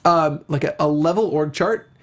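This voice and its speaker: A man with a fairly high voice, talking at normal speed, hosts a casual talk show about films and video games. He comes across as enthusiastic and effusive.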